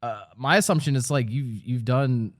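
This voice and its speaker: A man's voice: medium pitch, moderate pace. A man in his early thirties, a podcast co-host, speaking in a laid-back, hesitant way as he searches for his words in casual chat. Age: 30s.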